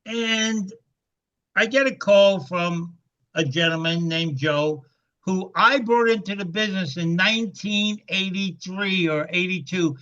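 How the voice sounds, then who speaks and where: A man's voice: sits high, unhurried, muffled recording. A man in his seventies telling a business testimony story, acting out the dialogue he recounts. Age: 70s. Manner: animated storyteller, acts out quoted dialogue. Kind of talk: testimony to a group call.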